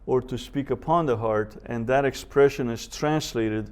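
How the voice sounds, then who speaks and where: This professor's voice is mid-range, clear and resonant as he teaches a Bible seminar. He's measured, pausing deliberately, citing scripture and raising rhetorical questions.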